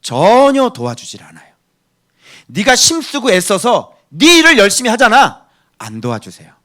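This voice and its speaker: A middle-aged male pastor preaching a sermon, emphatic, swinging between loud outbursts and hushed asides. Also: sits high, huge pitch swings, normal speed.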